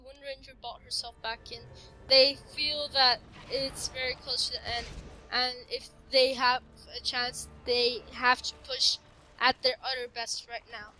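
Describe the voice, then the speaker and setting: A woman's voice: high voice, pushed and bright, a little hiss or hum, rough recording. A woman casually narrating her own match, giving chatty play-by-play of the game. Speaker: gameplay commentator.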